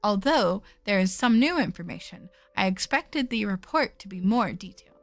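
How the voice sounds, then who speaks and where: A woman reading a visual novel aloud as a studious, pensive investigator, measured and formal. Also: medium pitch, expressive, no room sound, soft background music, voice pushed down, close to an everyday voice. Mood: pensive, analytical.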